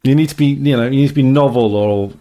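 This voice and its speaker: A man co-hosting a casual podcast chat, rambling and halting, often restarting his sentences. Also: mid-range voice, dark tone. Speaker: podcast co-host.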